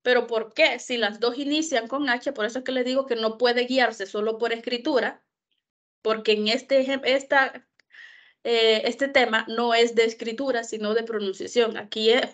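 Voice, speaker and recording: A woman tutoring English online, explaining articles slowly and asking herself questions, a Spanish speaker. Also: a little high, fairly bright tone. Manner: slow, explanatory, asks and answers her own questions. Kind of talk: online English grammar lesson.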